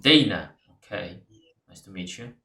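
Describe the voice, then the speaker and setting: A man's voice: on the low side, lively intonation, normal speed, sharp tone. A young man with an Indonesian accent, an Indonesian native speaker, chatting playfully on a video call and bantering and laughing as he argues a point. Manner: playful, argumentative, laughs often. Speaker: language-learning video host. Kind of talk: casual video chat.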